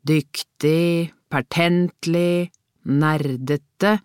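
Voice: mid-range voice, lively intonation, dry recording, natural voice. Thoughtful male detective, eager and musing; voiced by the narrator, dry studio read. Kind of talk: audiobook character voice.

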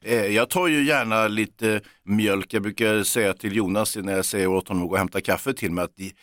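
A man's voice: lowish voice, fairly bright tone, no room sound, studio quality. A man co-hosting a casual morning radio show, playfully pompous like a showman. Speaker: radio co-host.

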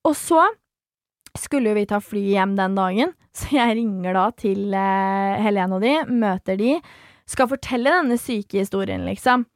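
A young adult woman telling a story in a casual podcast chat, animated and swearing as she acts out the people in it. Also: mid-range voice, no echo, clean studio sound.

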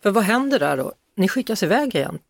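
Gravelly, husky radio host. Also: female voice, mid-range voice, big pitch swings, dry recording, clean studio sound. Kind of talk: radio interview and presenting.

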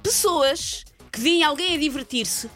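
A woman's voice: high voice, animated, a little slow, fairly bright tone, faint music behind. A woman host with a European Portuguese accent, ranting sarcastically in comic chat-show banter.

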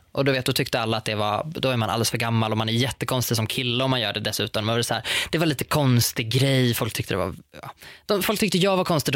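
A young man in casual chat, telling lively stories full of fillers and restarts. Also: medium pitch, dry recording, clean studio sound. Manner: animated storytelling with hesitant fillers.

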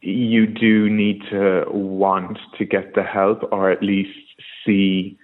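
A man with an Irish accent from Kerry giving a personal account in a radio interview, speaking in a hesitant, halting way. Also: low voice, little pitch movement. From Kerry, Ireland. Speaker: radio phone-in guest. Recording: muffled narrow-band call.

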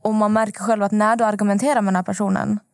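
A woman podcast host in casual conversation, asking gentle, empathetic follow-up questions. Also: mid-range voice, little pitch movement, dry recording, studio quality. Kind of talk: casual interview chat.

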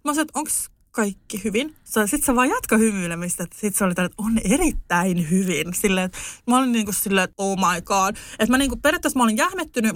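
Young woman, podcast co-host, casual lively storyteller, dry recording. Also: no room sound. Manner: animated, lively storyteller with sudden high outbursts.

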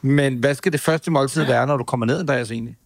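A man's voice: medium pitch, gravelly, dry recording. A man with a Danish accent co-hosting a podcast, chatty and joking, rambling with restarts. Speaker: podcast co-host. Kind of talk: casual chat.

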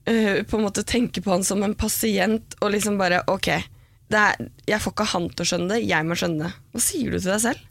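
A woman's voice: medium pitch, gravelly, no echo. Supportive woman, reflective, dry sound. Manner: supportive, reflective, thinks aloud. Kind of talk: casual chat.

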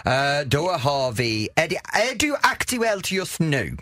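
A man hosting a radio show from the studio, teasing and excitable in quick banter. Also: on the high side, a little hiss or hum. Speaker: radio host.

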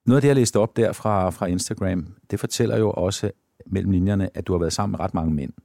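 A man calmly asking questions as host of an interview. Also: sits low, creaky, dry recording, clean studio sound. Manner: calm, plain questioning. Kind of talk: relaxed interview.

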